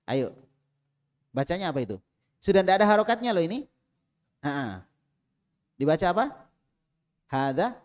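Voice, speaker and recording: A man teaching an Arabic class in a small prayer room, calling on students and drilling them, with loud prompts and quiet asides. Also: on the high side, big pitch swings, moderate pace, long pauses.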